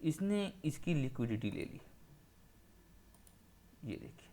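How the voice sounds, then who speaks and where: A man's voice: medium pitch, big pitch swings, slow, warm tone, a little hiss or hum. A man walking viewers through trading charts in a screen-share tutorial, pressing his points with repetition. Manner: insistent, repeats points for emphasis. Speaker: trading educator.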